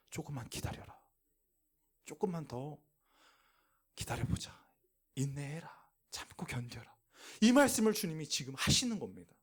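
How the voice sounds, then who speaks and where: A youth pastor preaches to teenagers at a church youth service that is also streamed online. His high-pitched voice is animated, and he poses questions to the audience and then answers them himself.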